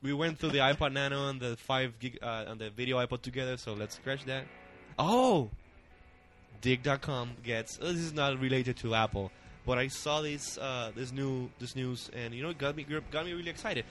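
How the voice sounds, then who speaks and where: A man co-hosting a casual tech podcast, halting and restarting often, laughing easily. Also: mid-range voice, a bit bright, faint music behind. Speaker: podcast co-host. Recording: faint background noise, overmodulated audio.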